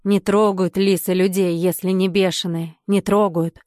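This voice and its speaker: A woman voicing a stern village witch who speaks in a hoarse, commanding way. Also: mid-range voice, flat delivery, normal speed, a little mellow, dry recording, studio quality, natural voice. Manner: blunt, commanding.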